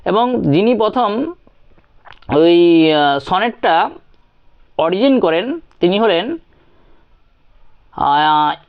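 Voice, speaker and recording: Slow, patient woman teacher. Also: lowish voice, expressive. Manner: slow, repeats points, counts syllables aloud; mixes English terms into Bengali speech. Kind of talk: explaining poetry to students. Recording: slightly dull lo-fi recording.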